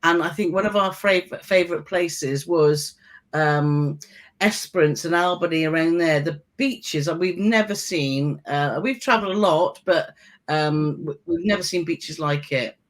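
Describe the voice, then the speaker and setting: In a deep, slightly slow voice, a British woman chats on a casual live stream as a guest cruise vlogger. She's chatty and often turns to her husband for agreement with tag questions.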